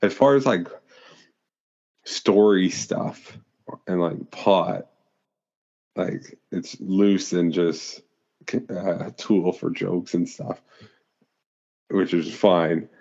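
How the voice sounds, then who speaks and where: A man's voice: low voice, extremely slow, long pauses, darkish tone, highs cut off. A man co-hosting a casual movie discussion, rambling with many fillers and restarts. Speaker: podcast co-host.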